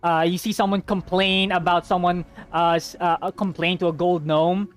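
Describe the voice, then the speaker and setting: A man narrating as game master of a tabletop game, halting with many fillers. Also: sits high, little pitch movement.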